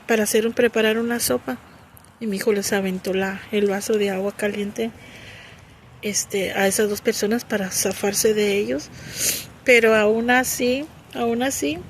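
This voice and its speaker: A woman's voice: a little high, slight background noise. A middle-aged mother gives an emotional personal testimony, faltering, fervently religious and often close to tears.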